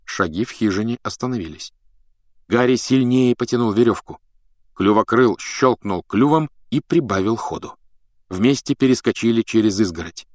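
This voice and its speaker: A man narrating an audiobook in an expressive, dramatic reading on a close mic. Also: lowish voice, normal speed, dry recording.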